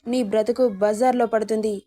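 Haughty bullying sister-in-law, read by a woman narrator, taunting, high-ish. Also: level tone, fairly quick, warm tone, natural voice. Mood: scornful. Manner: taunting, sneering, threatening.

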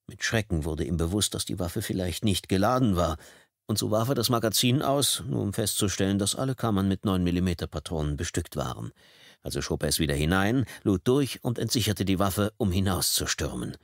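A man's voice: deep voice, animated, a little fast, no echo. A man reading a thriller audiobook in a tense, dramatic storytelling manner from a close studio microphone. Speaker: audiobook narrator. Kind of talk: scripted audiobook narration.

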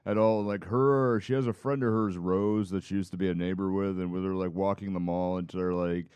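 A man's voice: fairly even intonation, brisk, darkish tone, smooth, dry recording. A man co-hosting a podcast, chatting casually with friends, laughing often and telling anecdotes. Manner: laughs often, tells stories with high-pitched impressions. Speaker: podcast co-host. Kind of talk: casual banter among friends.

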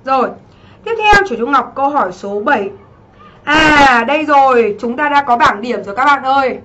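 High-voiced woman teaching a livestream class. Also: moderate pace, dull audio, slight background noise. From Vietnam. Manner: lively, keeps checking in with students. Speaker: English teacher. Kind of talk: livestream exam review lesson.

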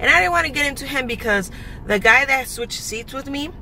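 A woman's voice: sits high, fairly quick, rough recording. A woman in her forties telling a casual storytime rant from inside a car, recorded on a phone held at arm's length, acting out the exchanges she describes. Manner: animated storytelling, acting out quoted exchanges, frequent "guys". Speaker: vlogger. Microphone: phone camera at arm's length. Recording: loud car and road noise.

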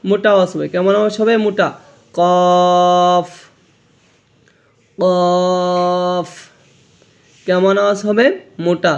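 A man's voice: sits high, steady tone, fast talker, gravelly, highs cut off. A man teaching a Quran reading lesson, explaining how letters are pronounced and repeating each sound for learners to copy. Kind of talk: slow spoken lesson on letter pronunciation.

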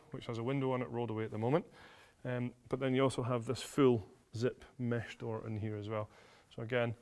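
A man's voice: mid-range voice, a little mellow. A man in his thirties giving a product demonstration in an indoor studio, explaining features in a friendly way with frequent "uh" fillers. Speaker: product presenter. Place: large indoor studio with a tent.

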